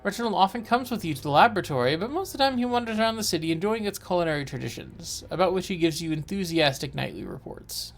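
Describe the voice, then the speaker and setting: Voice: mid-range voice, expressive, fast talker, creaky, hardly any pauses, soft background music. A co-host reading aloud the narration of a horror game and breaking off for joking asides.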